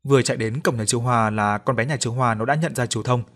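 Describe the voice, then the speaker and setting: A man's voice: mid-range voice, fast, fairly bright tone. A man steadily narrating a spooky story as a scripted audiobook reading.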